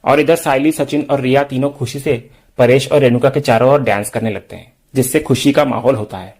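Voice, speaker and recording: A man's voice: medium pitch, brisk, a little mellow. A man hosting a TV serial review, retelling an episode scene by scene in a storytelling way. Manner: storytelling recap, reads out dialogue.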